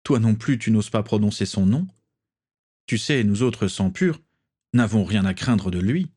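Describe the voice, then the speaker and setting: A haughty young noble wizard in an audiobook story, speaking in a low, fairly plain voice close to the reader's own. He sounds proud and dismissive, as a man reads him. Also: expressive, a little slow, darkish tone, husky.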